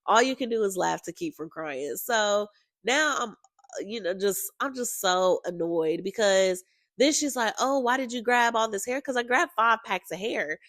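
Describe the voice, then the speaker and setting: A woman hosting her own podcast, telling a story in a casual, exasperated, animated way and talking straight to her listeners. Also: mid-range voice, moderate pace, no room sound, studio quality. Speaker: podcast host.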